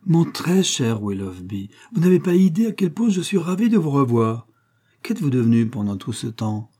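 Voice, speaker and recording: Guy reading as a vain gushy auntie, high-pitched, theatrical and pious, storybook. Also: very animated, moderate pace, warm tone. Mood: gushing. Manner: effusive, theatrical, pious exclamations. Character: vain gushing middle-aged woman, newly remarried aunt.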